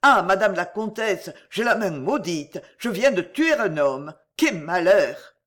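A reader voicing a blunt rustic male gamekeeper with rough country speech in an audiobook. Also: high voice, sing-song, unhurried, fairly bright tone, heavily acted. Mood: distraught. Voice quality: rural working-class speech. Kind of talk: audiobook character reading.

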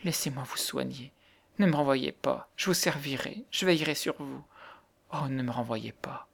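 Brief: a timid young woman, put on by a man, soft, hushed, begging, for a storybook reading. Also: mid-range voice, normal speed, vocal fry. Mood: pleading. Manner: soft, hushed, pleading, half whispered. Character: frightened young woman, humble and pleading.

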